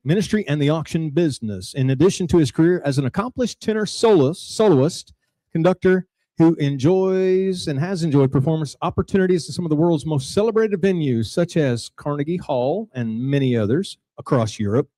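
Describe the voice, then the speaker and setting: Mellow, higher-pitched male announcer. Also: fairly quick, dry recording, rough recording. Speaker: announcer introducing judges. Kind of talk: scripted formal introduction, read aloud.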